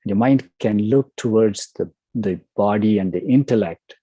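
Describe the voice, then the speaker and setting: A man's voice: lowish voice, moderate pace, dark tone, husky, dry recording, lo-fi sound. A man giving a devotional talk over a video call, telling a story in a conversational way. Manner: conversational, with fillers and restarts. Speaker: devotional speaker. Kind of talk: sermon with storytelling.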